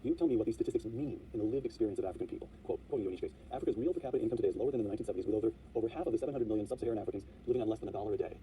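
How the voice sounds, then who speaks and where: A man hosts an interview at a brisk pace, probing his guest and reading quotations aloud. His voice is dark and fairly low. He sits back from the mic, with a faint hiss in the recording. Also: recorded from a distance. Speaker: interview host. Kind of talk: interview questions.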